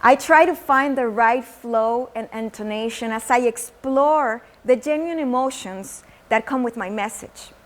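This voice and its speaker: Working as a teaching artist, a woman from Mexico recites spoken word poetry and explains its craft in her Mexican accent. Her voice is on the high side and a bit bright, moving slowly and measuredly with Spanish words mixed into the poetry.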